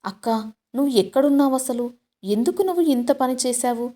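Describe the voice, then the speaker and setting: A woman's voice: high-pitched, expressive, moderate pace, dark tone. A woman voicing a worried young woman who pleads with her missing sister in a storybook. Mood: pleading. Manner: pleading, searching questions.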